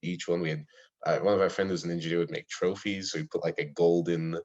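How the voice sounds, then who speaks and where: Young male guest from Ohio, very low voice, eager rambling storyteller, dull lo-fi call line. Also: little pitch movement, quick pace, a little mellow. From Ohio, USA. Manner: eager storyteller, many fillers. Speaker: podcast guest. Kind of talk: casual interview chat.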